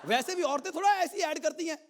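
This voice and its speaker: A man's voice: very high-pitched, fast talker, background noise. A man performing a stage comedy sketch, teasing his partner with cheeky banter. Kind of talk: stage comedy sketch before a live audience.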